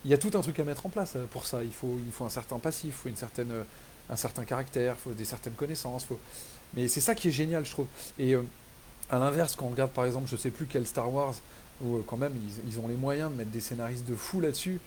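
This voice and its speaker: A man talking casually and enthusiastically in a live chat with readers, rambling with many fillers and restarts, and growing animated when he retells a scene. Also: mid-range voice, fast talker, slight background noise, rough recording. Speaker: author hosting a live reader Q&A.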